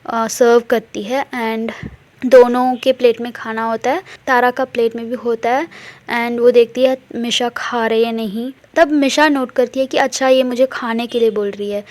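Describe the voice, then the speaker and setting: A woman's voice: on the high side, steady tone, normal speed. A woman narrating a love story in a chatty, repetitive way, mixing English words into her talk. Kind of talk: casual spoken story narration.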